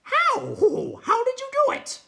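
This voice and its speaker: A man voicing a small, anxious night hob creature who hoots in squeaky, startled outbursts. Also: wildly swooping pitch, unhurried, creaky, pushed and bright, full character voice. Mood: bewildered.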